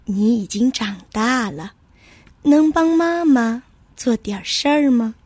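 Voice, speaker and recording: A woman voicing a gentle, patient mother horse in a storybook, soft and soothing. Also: fairly high pitch, expressive, takes it slowly, slightly rough, dry recording, heavily acted.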